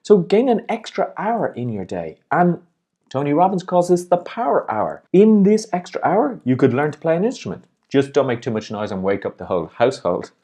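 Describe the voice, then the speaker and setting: Male motivational coach, cheerful and encouraging, very animated intonation. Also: on the high side, normal speed. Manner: upbeat, encouraging, smiling as he speaks. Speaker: life and business coach, host. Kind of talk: motivational video talk.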